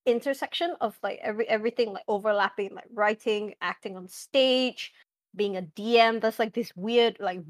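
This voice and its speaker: Brief: young woman podcast guest, fairly high voice, chatty and giggly, filler-heavy casual talk. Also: no room sound. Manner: chatty, laughs often, many fillers. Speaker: podcast guest, game master.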